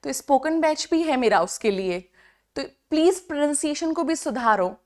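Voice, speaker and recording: A woman's voice: high voice, expressive, moderate pace. A woman teaching exam vocabulary in an online lecture, mixing Hindi and English and quizzing the class with repeated rhetorical questions.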